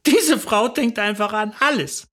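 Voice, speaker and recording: A woman's voice: a little high, measured pace, fairly bright tone. A woman narrating a comic personal story in a chatty, wry manner.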